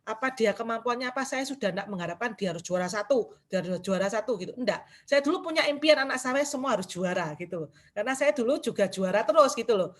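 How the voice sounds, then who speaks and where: A middle-aged woman gives a personal testimony. Her voice sits a little high, and she speaks candidly, dropping casual fillers as she talks. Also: lively intonation, fast talker. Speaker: church member giving testimony.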